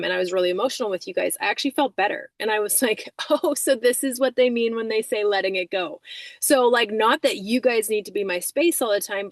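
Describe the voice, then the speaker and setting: A woman's voice: mid-range voice, vocal fry, no echo. A woman leading a team video call, giving a casual motivational talk full of "like" and "um". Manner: chatty, many fillers like "like" and "um". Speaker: team leader.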